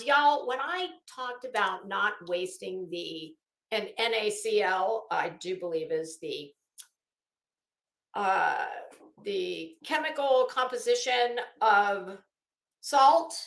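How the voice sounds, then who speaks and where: A middle-aged woman hosts a theatrical monologue of mocking commentary, rambling and sarcastic throughout. Her voice is mid-range and fairly bright, recorded in an echoey room.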